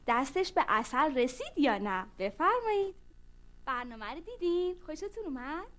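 A woman telling a story to children, lively and speaking directly to the young listeners. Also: sits high.

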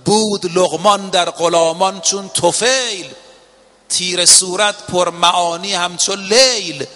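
A man preaching a sermon to a gathering, telling a story and acting out its lines, with drawn-out emphatic phrasing. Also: high-pitched, fairly even intonation, sharp tone, faint music behind. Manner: impassioned, drawn-out emphatic phrasing with quoted dialogue. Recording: long reverb of a hall.

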